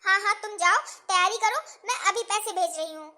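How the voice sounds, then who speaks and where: A woman voicing a doting, generous middle-aged mother in a cartoon, loud and quick to reassure, in a high sped-up cartoon voice. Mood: reassuring. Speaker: cartoon character.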